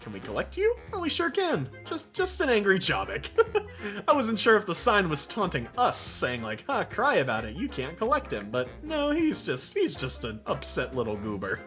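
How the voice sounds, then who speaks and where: A woman's voice: medium pitch, wildly swooping pitch, normal speed, a bit bright, faint music behind. A woman giving casual, playful commentary on her gameplay, giggling often as she chats. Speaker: gaming YouTuber.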